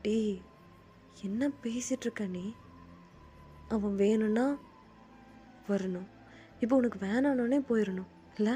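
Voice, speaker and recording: A woman's voice: medium pitch, slow pace, long pauses, dark tone, faint music behind, natural voice. A woman voicing a blunt young male friend who teases and scolds his crying buddy. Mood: scolding.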